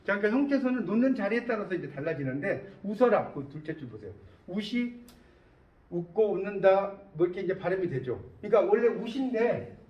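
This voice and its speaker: A man's voice: high-pitched, big pitch swings, fast. A man lecturing a class in a lecture room, often stopping to ask the students whether they follow. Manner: questioning students often, checking understanding. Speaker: university lecturer. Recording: distant, echoey, dull classroom recording.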